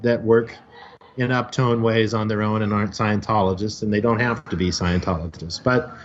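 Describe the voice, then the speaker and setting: A man's voice: medium pitch, a little hiss or hum. A man co-hosting a podcast, explaining at length in casual discussion and now and then acting out the people in his examples. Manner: explains at length, acts out quoted voices. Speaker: podcast co-host. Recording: dull lo-fi audio.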